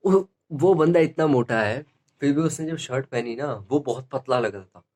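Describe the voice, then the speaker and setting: A teenage male stand-up comedian telling rambling school stories in an animated, laughing way. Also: medium pitch. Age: teens.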